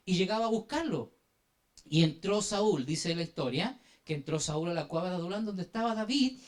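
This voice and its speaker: A man preaching a sermon as an apostle, telling a story dramatically and urging the congregation to answer and turn to one another. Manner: dramatic storytelling, swinging from hushed low phrases to loud emphatic bursts; addresses the congregation directly with call-and-response prompts.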